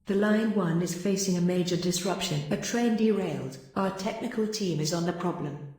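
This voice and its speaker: A woman's voice: on the low side, a little mellow. Woman's announcement over an echoey station intercom. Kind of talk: automated transit announcement.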